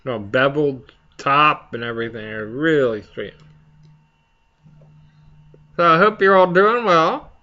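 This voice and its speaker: A man hosting a casual, rambling chat for viewers, speaking haltingly as he searches for his words. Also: on the high side, animated, bright, forceful tone, dull audio. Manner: halting, slow to find words. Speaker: pipe hobby video host.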